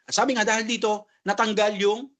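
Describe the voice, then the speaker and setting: A man teaching a religious class, explaining each term as he goes and often checking in with a quick "no?". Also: high voice, flat delivery, fairly bright tone. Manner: explains terms, tags sentences with "no?". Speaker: Islamic lecturer.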